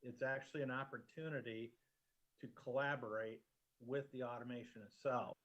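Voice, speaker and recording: A man's voice: mid-range voice, fairly even intonation, moderate pace, fairly bright tone, lo-fi sound. A man who runs his family's company, speaking confidently and matter-of-factly in a video testimony. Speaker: company owner.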